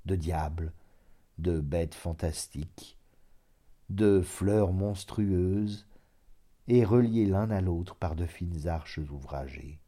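Slow, dark-voiced male audiobook narrator. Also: deep voice. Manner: slow, measured, dramatic. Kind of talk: scripted literary narration.

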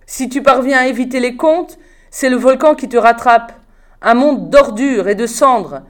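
Indignant young man, forceful, louder than the narration, storybook reading, a woman voicing him. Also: a little high, unhurried, pitched above the performer's own voice, natural voice. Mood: bitter. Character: angry young man, exile from Earth.

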